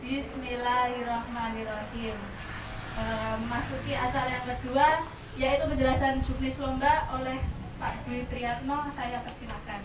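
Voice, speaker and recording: High-voiced woman emcee reading a program. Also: steady tone, unhurried. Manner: reads the program rundown item by item. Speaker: master of ceremonies. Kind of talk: formal event announcement. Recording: echoey far-off PA with loud noise.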